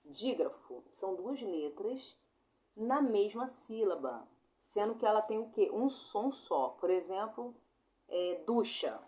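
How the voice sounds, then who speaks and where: Speaking at a medium pitch with an expressive, dark tone, a young Brazilian woman teaches Portuguese grammar in a relaxed online lesson. Her manner is informal and talkative, full of apologies, and she slowly spells out sounds.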